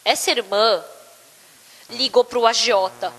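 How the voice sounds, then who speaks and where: A woman's voice: fairly high pitch, takes it slowly, slightly rough. A woman telling a story as part of a sermon in a church, acting out the quotes with energy. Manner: lively, acts out quotes. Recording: long church hall reverb.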